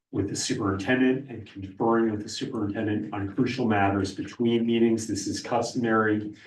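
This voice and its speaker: A man's voice: mid-range voice, a little mellow. A man gives an informal legal training presentation to a board, speaking as its lawyer. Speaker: lawyer briefing a school board. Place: public board meeting room. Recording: echoey meeting room, far from mic.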